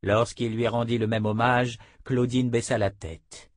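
A man narrates an audiobook at a medium pitch in a measured, even storytelling style. The recording is studio quality, with no echo.

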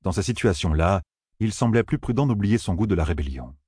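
Deep, husky male audiobook narrator. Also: animated, brisk, warm tone, no room sound, clean studio sound. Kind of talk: scripted fantasy narration.

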